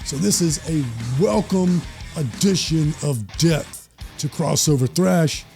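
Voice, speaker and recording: A man's voice: a little high, slow pace, creaky, a little mellow, soft background music. A man hosting a casual metal album review show, enthusiastic and joking. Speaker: host.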